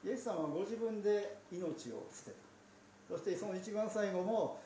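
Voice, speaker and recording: A man's voice: sits high, normal speed, mellow, a little hiss or hum. A man preaching a sermon as a pastor, chatty and storytelling, with asides. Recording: roomy sound from a distance.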